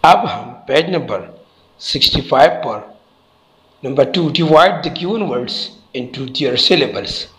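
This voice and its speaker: A man's voice: mid-range voice, expressive, drawn-out words, a bit bright, rough recording. A man teaching a textbook lesson, spelling out letters and repeating each word carefully.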